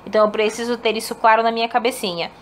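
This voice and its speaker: A woman's voice: a little high, fairly even intonation, racing, slight background noise. A woman teacher explaining a lesson to her pupils in a patient, explanatory way, calling them fond names. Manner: explanatory, addresses pupils fondly. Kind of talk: recorded online lesson.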